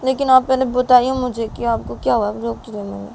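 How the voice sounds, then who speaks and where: A woman's voice: on the high side, steady tone, fast, gravelly, mellow, a little hiss or hum, voice pushed up. A woman voicing a worried young woman who keeps pleading with her mother to say what is wrong. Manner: pleading, insistent questioning.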